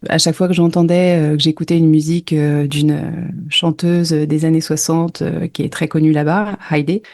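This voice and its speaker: A woman's voice: low-pitched, flat delivery, normal speed, darkish tone. A French woman guest recounting her travels in a casual interview, hesitant with many fillers and restarts. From France.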